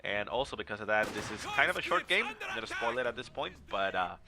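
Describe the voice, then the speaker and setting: A man's voice: on the low side, sing-song, fast talker, bright, forceful tone. A man with a nasal, congested voice, sick with a stuffy nose, commentating on a strategy game match in a casual, explanatory way. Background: video game battle sounds and music.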